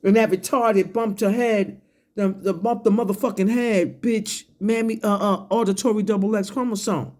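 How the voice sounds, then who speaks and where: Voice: medium pitch, fairly even intonation, moderate pace, darkish tone. A person delivering a confrontational, profane online rant, drawing words out emphatically one at a time. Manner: sipping a drink between phrases, coughing and clearing throat.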